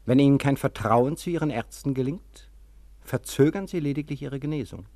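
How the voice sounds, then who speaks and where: A man's voice: mid-range voice, moderate pace, dark tone, no room sound, natural voice. A man playing a stern, condescending asylum doctor who lectures and commands his patient in a German radio play. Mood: probing.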